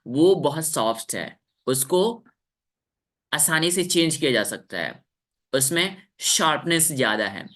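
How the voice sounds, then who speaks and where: A man's voice: fairly high pitch, bright, forceful tone. A man teaching English to children in a live online class, explaining patiently and often asking the class questions.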